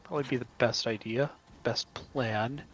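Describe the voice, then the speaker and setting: A man's voice: mid-range voice, steady tone, moderate pace, slight background noise, low-quality recording. A man chatting casually and teasingly while playing a co-op game. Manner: playful, wry, teasing. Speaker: co-op game player. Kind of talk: casual gaming chat.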